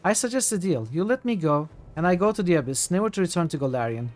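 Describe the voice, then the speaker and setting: A man's voice: high voice, lively intonation, quick pace. A man voicing a smug, teasing young female cult sorceress from a video game in a theatrical, mocking way. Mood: smug, defiant. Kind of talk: reading video game dialogue aloud. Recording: music behind the voice.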